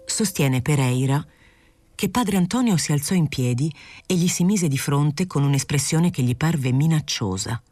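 A woman reading a novel aloud as narrator, measured and clear. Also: low voice, lively intonation, warm tone, no room sound, soft background music. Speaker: reader. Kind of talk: audiobook narration.

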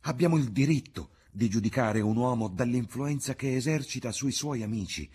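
A man's voice: medium pitch, normal speed, darkish tone, breathy edge, pitched above the performer's own voice, lightly acted. A man reading as a grave, troubled painter. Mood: earnest. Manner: earnest, pleading. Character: grave, troubled middle-aged male painter. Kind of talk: audiobook reading.

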